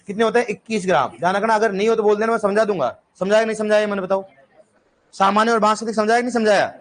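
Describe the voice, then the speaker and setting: Male agriculture teacher, high voice, classroom lecture, drills students with repeated questions, playful. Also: a bit bright.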